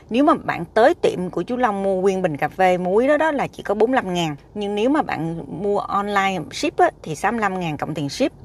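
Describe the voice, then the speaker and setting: A woman, chatting emphatically to a dashboard camera while sitting in a parked car. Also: mid-range voice. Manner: chatty, emphatic, repeats "các bạn". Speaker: food vlogger. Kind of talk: casual chat to camera.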